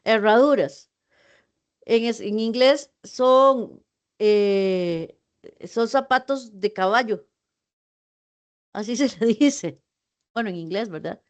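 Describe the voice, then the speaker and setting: Spanish-speaking woman teaching online, animated. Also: a little high. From Costa Rica. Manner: explanatory, asks students rhetorical questions. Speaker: university tutor. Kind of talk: online class lecture. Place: video call. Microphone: video call.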